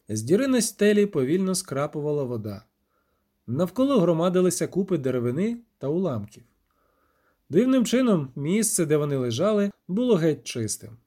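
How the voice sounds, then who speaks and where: Expressive male audiobook narrator. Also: a little high. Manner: dramatic, expressive reading. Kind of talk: scripted narration.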